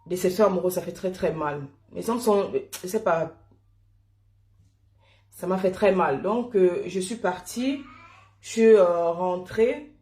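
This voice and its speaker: A woman from Cameroon tells a personal story in a lively, chatty way, often laughing and calling her listeners "mon frère". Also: on the low side, measured pace, long pauses, roomy sound.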